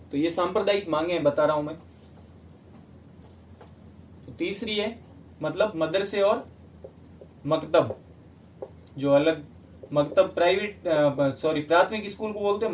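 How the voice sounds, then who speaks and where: A man's voice: high voice, normal speed, darkish tone, a little hiss or hum. A man teaching a history lesson for exam prep in Hindi, explaining step by step and asking and answering his own questions.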